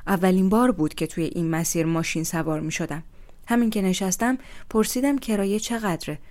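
A woman with a somewhat low voice tells a personal story in the first person. Her delivery is steady and reflective. She sounds like a young adult.

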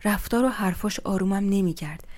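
A young woman telling a first-person story in a steady, reflective way. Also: mid-range voice.

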